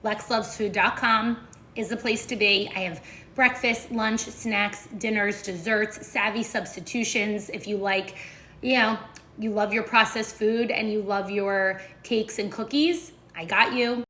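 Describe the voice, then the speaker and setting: A woman's voice: medium pitch, steady tone, unhurried, pushed and bright, reverberant. A woman chatting casually to viewers during a live stream as she makes breakfast in her kitchen, full of fillers and asides. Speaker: food and nutrition creator. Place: home kitchen.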